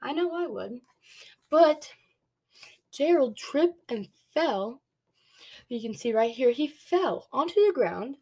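Her voice is high, expressive and a little mellow, and she speaks slowly with frequent pauses in a slightly rough recording. This young woman, a preschool read-along storyteller, reads a picture book to small children in a small, dim indoor bedroom, pausing to explain and quiz them.

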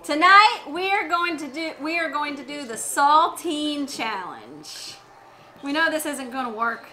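A woman's voice: sits high, expressive, measured pace, pushed and bright. A woman in her thirties casually hosting a family challenge video, recorded across a table at home. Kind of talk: casual vlog chat. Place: home dining room. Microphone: camera across the table.

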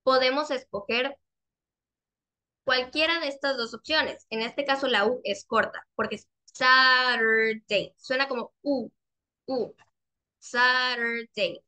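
In an online lesson over a video call, a young English teacher uses a high, bright voice. She repeats her questions with patience and lengthens each example word slowly so learners can catch it.

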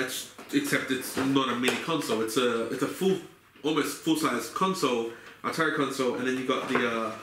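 Young guy rambling casually. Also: mid-range voice. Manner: relaxed, rambling, many fillers. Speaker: vlogger. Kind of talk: casual haul video. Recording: echoey room with faint noise.

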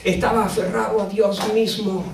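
High-voiced Spanish preacher, echoey hall. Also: male voice, level tone, moderate pace, creaky, a crowd in the background. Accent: Spanish from Spain. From Spain. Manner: dramatic, swings between loud and hushed. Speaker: pastor. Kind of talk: sermon. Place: church retreat hall. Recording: echoey room, distant mic.

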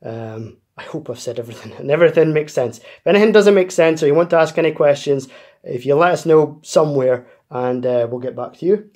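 He hosts a card-opening channel from the United Kingdom, chatting easily about pre-orders as he opens packs at a table inside. The voice runs on the high side, fairly quick and a little mellow.

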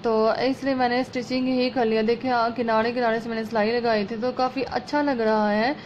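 With a sore, slightly hoarse throat, a woman who hosts a sewing channel walks through a home repair step by step, chatty and homely as she works. Her fairly high voice is a little mellow, flat in delivery, and a little fast. A phone camera over her hands at a home work table captures muffled lo-fi audio with faint room noise.

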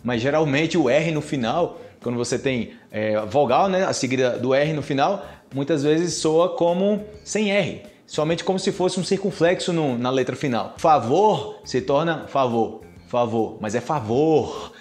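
A man's voice: a little high, moderate pace, few pauses, darkish tone. A young Brazilian man with a Brazilian Portuguese accent, teaching a casual video lesson and animatedly repeating phrases to show how they sound.

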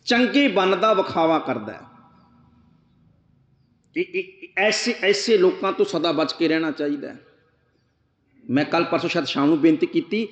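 Male preacher, slow and measured, a bit high, chants verses then explains, echoey hall, dull lo-fi sound. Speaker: Sikh preacher. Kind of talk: scripture exposition sermon.

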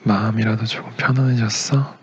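A young man acting as a gentle, doting boyfriend in a romantic ASMR role-play, a tender leading man with a soothing, murmured, partly whispered delivery. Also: on the low side, fairly even intonation, brisk, slightly rough, dull audio. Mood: soft, content. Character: doting, gentle young boyfriend caring for his sick girlfriend.

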